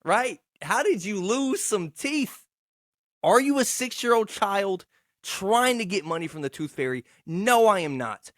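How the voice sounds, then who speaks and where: A man's voice: high-pitched, lively intonation, unhurried, a bit bright, dry recording, studio quality. A man, hosting a casual, rambling solo podcast in a profane, slangy, boastful yet self-deprecating way. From Texarkana, United States. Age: 20s. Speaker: podcast host.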